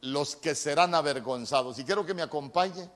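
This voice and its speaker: Man, Honduran accent, pastor preaching, earnest storytelling, repeats words, fairly high voice. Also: moderate pace, a bit bright. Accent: Honduran Spanish. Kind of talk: sermon with personal testimony.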